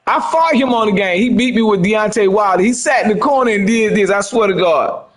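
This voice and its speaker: A man's voice: high voice, fairly quick, low-quality recording. A man ranting heatedly as a gaming commentator, profane and fired up, with a temper.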